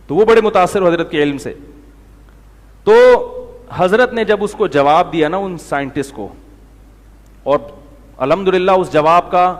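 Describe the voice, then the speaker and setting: A man's voice: fairly high pitch, big-room sound. A man preaching a conversational sermon in Urdu with a Pakistani accent, telling anecdotes and acting out what people said. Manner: storytelling, acts out quotes with shifting voices. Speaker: Islamic preacher.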